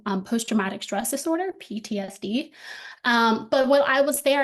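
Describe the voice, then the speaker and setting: A young woman from the Dominican Republic, a doctoral student giving an academic talk over a video call, friendly and full of filler ums. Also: fairly high pitch. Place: indoor room at home. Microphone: laptop webcam on video call.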